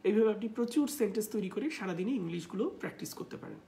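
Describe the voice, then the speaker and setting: A woman with a Bangladeshi accent teaching a live English class in Bengali. She reads English example sentences slowly and uses many filler sounds. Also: mid-range voice, animated, gravelly, warm tone, slight background noise.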